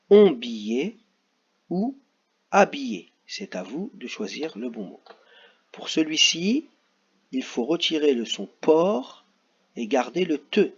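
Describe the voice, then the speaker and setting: A man's voice: mid-range voice, breathy edge. A man teaching a spelling lesson to children, patiently sounding out syllables and letters. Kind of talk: recorded classroom lesson for children. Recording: dull lo-fi home recording.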